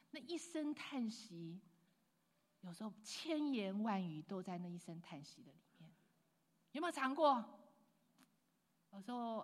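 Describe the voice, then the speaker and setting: A woman preaching a sermon with lively emphasis, dropping to hushed asides and mixing in English phrases. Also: mid-range voice. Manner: swings between loud emphatic lines and hushed asides. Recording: long hall reverb.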